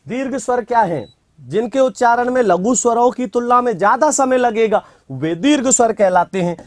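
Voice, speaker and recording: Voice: medium pitch, expressive, moderate pace, no echo. A teacher giving a classroom grammar lecture, asking rhetorical questions, answering them, and dictating notes word by word with repeats.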